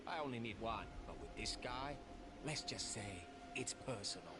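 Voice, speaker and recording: A man's voice: mid-range voice, expressive, normal speed. An actor playing a crude, sarcastic male demon hunter in a video game. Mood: menacing. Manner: sneering, wisecracking. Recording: game audio with loud music.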